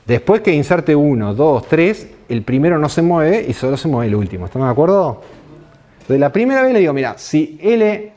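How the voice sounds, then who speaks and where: A man's voice: on the high side, big pitch swings, normal speed, mellow. A man with a Rioplatense Spanish accent giving a university programming lecture, explaining step by step and asking the class rhetorical questions. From Uruguay. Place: lecture hall.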